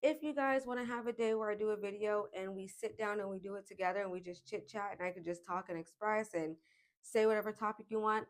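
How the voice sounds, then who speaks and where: A woman in her late twenties talking to camera in a casual self-help vlog, reflective and chatty, with frequent pauses and fillers. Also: mid-range voice, steady tone. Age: 20s. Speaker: vlogger.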